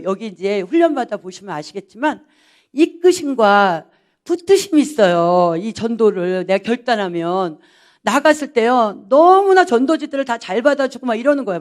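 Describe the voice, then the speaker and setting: A pastor's wife giving a personal testimony, telling her story in a lively way and acting out the dialogue. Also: a little high. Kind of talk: personal testimony to a church audience.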